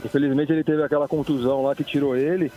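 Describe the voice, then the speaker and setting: A man's voice comes through a phone line, mellow and slightly higher than most. He talks hesitantly, restarting phrases and tagging questions onto them. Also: fairly even intonation, rapid-fire, soft background music. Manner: hesitant, trails into frequent tag questions. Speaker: caller. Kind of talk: casual football chat.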